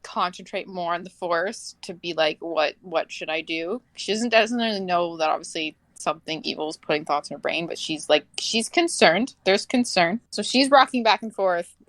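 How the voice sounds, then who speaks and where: A woman's voice: on the low side, lively intonation, normal speed, few pauses, fairly bright tone, no room sound. A woman playing in a tabletop role-playing game, chatting casually, laughing a lot and saying "like" often. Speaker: player.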